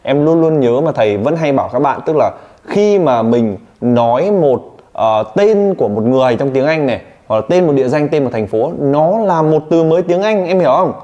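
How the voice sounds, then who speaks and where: A man teaching English pronunciation one-on-one, teasing and drilling his student with quick questions. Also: on the high side, expressive, mellow, lo-fi sound.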